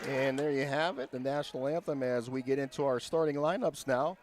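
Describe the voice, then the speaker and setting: A man's voice: medium pitch, steady tone, a little fast, crowd noise, noisy background. A man giving basketball commentary as a play-by-play broadcaster.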